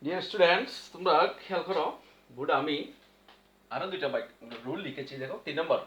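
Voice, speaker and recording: A male English teacher with a Bangladeshi Bengali accent teaches grammar at a board, patiently repeating the rules and answering his own questions. His voice is a little high and fairly bright, and he talks fast. The room is echoey and the sound dull and lo-fi.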